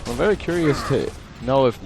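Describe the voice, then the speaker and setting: Quick, analytical young male game commentator. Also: medium pitch, animated, music in the background. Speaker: esports commentator. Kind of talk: live color commentary.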